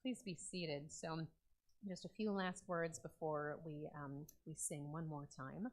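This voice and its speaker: In a synagogue sanctuary during a Shabbat service, a woman clergy member gives informal remarks to her congregation. She speaks conversationally with frequent "um"s, her low voice steady in tone and a little slow.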